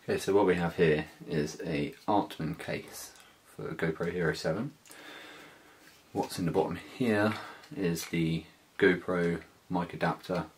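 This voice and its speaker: Low-voiced British man, casual vlogger. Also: steady tone, a little slow, a little hiss or hum. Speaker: motovlogger. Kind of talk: casual hands-on product walkthrough. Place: small living room, indoors.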